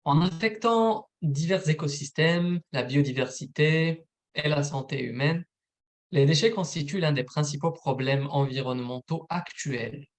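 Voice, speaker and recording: In a slightly high voice, a male program manager delivers a recorded informational webinar with a steady, methodical read.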